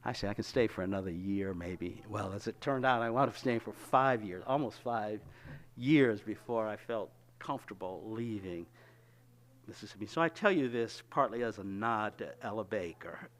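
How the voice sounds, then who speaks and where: A man's voice: lowish voice, normal speed. An older man giving a reflective storytelling talk, with wry laughs and frequent hesitations. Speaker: lecturer.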